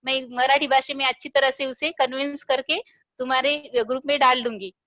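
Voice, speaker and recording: A woman's voice: high voice, fairly even intonation, normal speed, a bit bright, no echo. A woman from Maharashtra with a Marathi accent, giving a hesitant motivational talk with a story at a business meeting over a video call, with many fillers and restarts. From Maharashtra, India.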